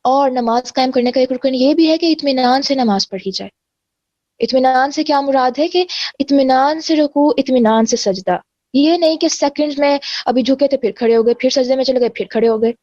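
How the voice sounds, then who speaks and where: A woman's voice: high-pitched, a little mellow, dry recording, dull audio. A woman teaching a religious lesson, explaining earnestly and mixing in English words. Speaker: Quran teacher.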